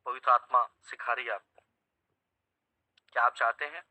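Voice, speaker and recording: A man's voice: medium pitch, steady tone, moderate pace, pushed and bright, dry recording, rough recording. A man preaching a sermon to an online house church over a video call, emphatic, repeating phrases and quizzing his listeners.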